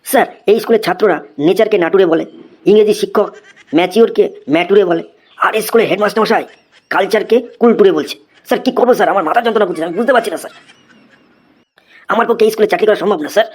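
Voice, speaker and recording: Actor voicing a cartoon new teacher, flustered, exasperated, rapid talker. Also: mid-range voice, a little mellow, close to an everyday voice. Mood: complaining. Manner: exclaiming, exasperated, complaining. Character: flustered new male schoolteacher, easily exasperated. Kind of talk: cartoon comedy voice acting.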